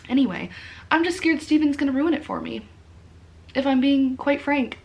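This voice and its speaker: A woman's voice: sits high, expressive, normal speed, creaky, darkish tone. A tired woman chatting casually to camera as a book vlogger, informal, rambling and self-deprecating. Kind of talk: casual rambling chat to camera about books.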